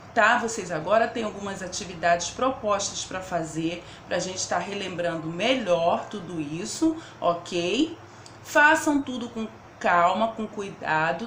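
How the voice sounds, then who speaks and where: Patient woman teacher, lively voice, echoey room. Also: fairly high pitch, slight background noise. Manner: patient, repeats and sounds out example words; checks in with the class often. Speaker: primary school teacher. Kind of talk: remote grammar lesson for children.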